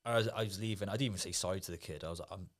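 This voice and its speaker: A man's voice: deep voice, rapid-fire. A man as a podcast guest, telling rowdy stories in a laddish, casual way, swearing freely and laughing along. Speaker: podcast guest, former Ibiza events worker. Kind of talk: casual storytelling chat.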